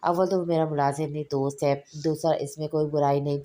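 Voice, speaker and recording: A woman reading a novel aloud, voicing a curt, irritated young man with a gruff, dismissive manner. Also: sits low, little pitch movement, fast, dark tone, natural voice.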